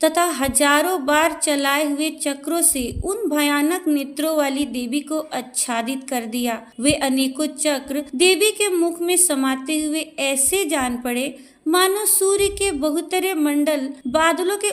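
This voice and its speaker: A woman reciting a devotional scripture in a slow, measured, solemn manner. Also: high-pitched.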